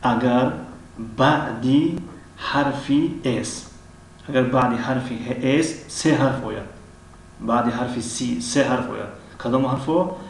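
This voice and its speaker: Hesitant Tajik-accented man in an echoey room. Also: mid-range voice. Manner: hesitant, with many drawn-out fillers and frequent throat-clearing; slow, repeats each example word. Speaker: English teacher. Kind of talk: language lesson. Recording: very echoey room, mic at a distance, faint background noise.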